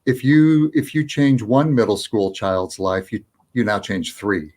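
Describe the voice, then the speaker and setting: A man's voice: fairly low pitch, fairly even intonation, unhurried, darkish tone. A man co-hosting a nonprofit's virtual fundraiser, explaining a donation match in an upbeat way and often repeating words. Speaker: nonprofit co-host. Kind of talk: live virtual fundraiser appeal.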